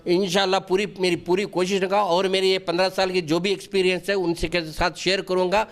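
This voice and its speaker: Brief: middle-aged man, high voice, earnest and defensive, restarts his lines. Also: flat delivery, a little fast. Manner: earnest, repeats himself, restarts often; defensive and pleading. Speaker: wakf board member being interviewed. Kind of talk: news interview answers.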